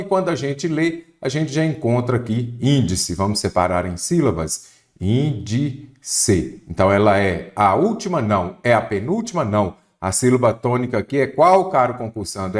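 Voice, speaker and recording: A man from Minas Gerais with a Brazilian Portuguese accent, teaching an online exam-prep grammar lesson and asking and answering his own questions. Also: medium pitch.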